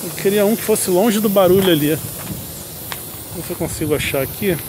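Vlogging at a moderate pace, a Brazilian car reviewer with a higher-pitched voice muses informally as he works around parked cars at an outdoor lot. It's a casual car vlog, and the car and outdoor background noise is plainly audible.

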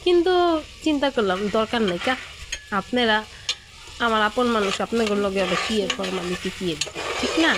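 A woman's voice: mid-range voice, expressive, fairly quick. A woman from Bangladesh with a Munshiganj Bengali dialect, chatting casually to her viewers as a cooking vlogger and often checking they follow along. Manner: chatty, keeps asking viewers "right?". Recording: home video with clear background noise.

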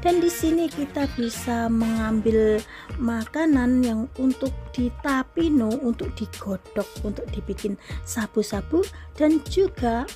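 Soft music plays in the background as a young Indonesian woman narrates a casual food vlog from a bustling indoor buffet. Chatty and excited, she talks to her followers in a warm, high-leaning voice at a measured pace.

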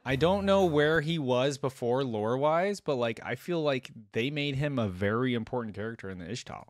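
A young adult man hosts a reaction video from an indoor gaming setup, his medium-pitched voice expressive and at a normal speed, with faint music behind. Wearing a headset and close to a desk mic, he reacts informally, thinks aloud, and reads bits out.

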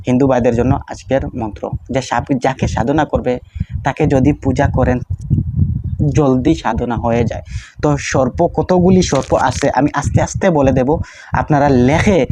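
A man giving a casual, rambling spoken tutorial, often repeating himself and slowing down to recite prayers line by line. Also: medium pitch, noisy background. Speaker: occult teacher.

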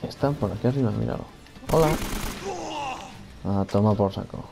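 A man's voice: lowish voice, moderate pace, vocal fry, music in the background. A man giving casual let's-play commentary, talking to himself and his character, repeating phrases and swearing at enemies. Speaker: gamer playing a video game.

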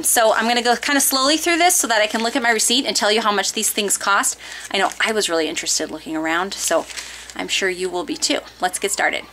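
A woman in her thirties chatting through a grocery haul vlog, reading prices off her receipt with pauses and fillers, filmed on a handheld camera in her home kitchen. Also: mid-range voice, bright, forceful tone. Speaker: homeschooling mother and vlogger.

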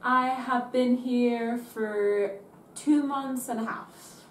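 Slow young woman from Guatemala. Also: fairly high pitch, fairly even intonation, a little hiss or hum. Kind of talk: casual interview answers. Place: small dormitory bedroom. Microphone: far camera. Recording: roomy, distant camera sound.

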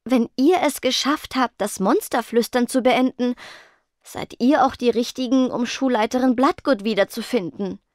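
A woman voicing a shy, nervous teenage ghost girl who speaks softly and stammers. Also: on the high side, moderate pace, dry recording, pitched above the performer's own voice, lightly acted. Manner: soft, stammering, timid.

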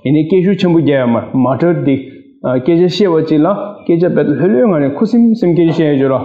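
A man teaching a class, reading an English story slowly and explaining each line in a local language. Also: a little high, expressive. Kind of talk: bilingual classroom lesson, reading and translating a story. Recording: echoey room, tinny phone-like sound.

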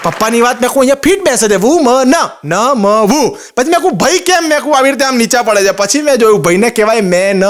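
A man with a Gujarati accent telling comic stories, quoting his father and others in quick exchanges. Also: very high-pitched, lively intonation, noisy background. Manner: rapid storytelling with quoted voices. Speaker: comedian. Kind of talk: stand-up joke telling.

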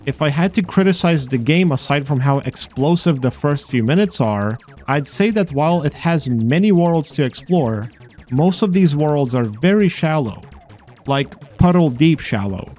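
In a fairly high, animated voice with a darkish tone and moderate pace, a man narrates a scripted voice-over about a video game. The video host, who explores games, slips in dry, sarcastic asides over faint game music.

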